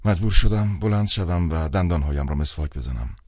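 Very deep-voiced male audiobook narrator. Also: expressive, darkish tone, dry recording, clean studio sound.

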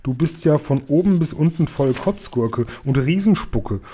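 A man voicing a kind, gentle male giant who mixes up his words, speaking softly and with dignity in a storybook reading. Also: fairly high pitch, expressive, moderate pace, husky.

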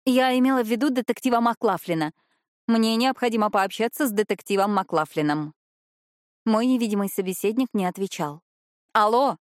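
A woman reading a first-person novel aloud in a mid-range voice. She gives the dialogue a lively, expressive delivery. The recording is dry and close, with no room sound. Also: medium pitch, fairly quick, dry recording. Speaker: audiobook narrator.

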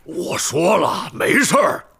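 A man voicing a huge, stubborn male gamekeeper with a gruff, hoarse voice in an audiobook. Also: medium pitch, wildly swooping pitch, unhurried, pushed and bright, pitched above the performer's own voice, full character voice. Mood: insistent. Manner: stubborn, insistent. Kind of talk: audiobook character voice.

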